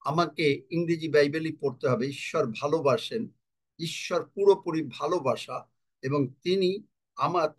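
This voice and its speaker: A man preaching a bilingual sermon, slow and emphatic, repeating key phrases and translating himself between languages. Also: fairly high pitch. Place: church service.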